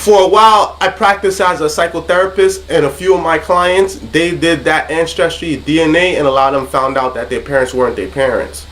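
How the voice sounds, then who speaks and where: A man's voice: a little high, a little fast, few pauses, a bit bright. A man from Haiti co-hosting a casual group chat, joking, laughing often and telling stories. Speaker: co-host.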